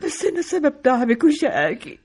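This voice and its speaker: An actress with an Egyptian accent playing an ailing, worried middle-aged mother in a radio drama, her voice husky and tearful. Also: high voice, very animated, brisk, a little mellow. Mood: tearful tender.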